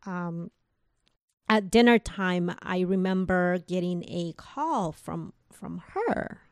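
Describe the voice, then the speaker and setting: A woman's voice: fairly low pitch, expressive, slow pace, a little mellow, no room sound, clean studio sound. A woman telling a personal story in conversation, retelling what people said through quoted dialogue, with casual fillers.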